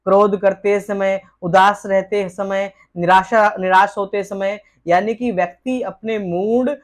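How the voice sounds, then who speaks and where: A woman tutor leads an exam-prep lesson. She reads each question aloud, then gives a formal, textbook-style answer. Her delivery is steady and measured throughout. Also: mid-range voice.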